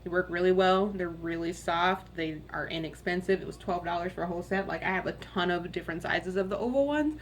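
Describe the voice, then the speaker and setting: A young woman with a raspy voice, chatting candidly and rambling a little as she does her makeup in a get-ready-with-me video at home. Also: lowish voice, fairly quick, hardly any pauses, slight background noise. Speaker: beauty vlogger.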